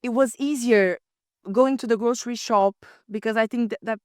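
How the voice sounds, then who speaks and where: A woman's voice: on the high side, normal speed, no echo, studio quality. A young woman co-hosting a casual student podcast, telling stories and acting out quoted lines. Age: young adult. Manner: chatty storyteller who acts out quotes. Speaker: podcast co-host. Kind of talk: casual chat.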